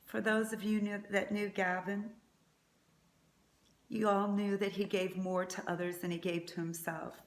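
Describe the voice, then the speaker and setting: A woman's voice: medium pitch, little pitch movement, unhurried. A middle-aged woman giving a prepared eulogy as a mother, speaking in a tender, faltering way. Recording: echoey room.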